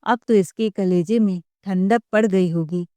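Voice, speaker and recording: A woman's voice: medium pitch, a little slow, mellow, no room sound, close to an everyday voice. A woman voicing an angry older mother-in-law in a Hindi family story, scolding and accusing.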